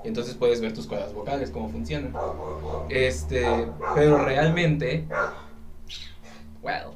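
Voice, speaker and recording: A man's voice: mid-range voice, steady tone, takes it slowly, background noise. Thoughtful man explaining things. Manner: explanatory, thoughtful, builds arguments. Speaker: podcast co-host. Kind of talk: casual chat.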